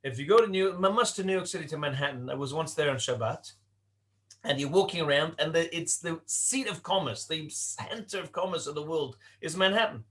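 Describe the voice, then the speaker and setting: Man, rabbi, raised in Britain, informal Torah class, somewhat high voice, rhetorical questions. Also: a bit bright. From Britain (born in Leicester, raised in Cardiff). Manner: conversational, asks rhetorical questions, slows down to stress points.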